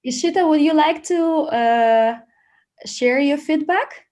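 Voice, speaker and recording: A woman hosting a video call, warmly thanking and encouraging each participant as she invites them to speak. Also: sits high, takes it slowly. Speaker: host.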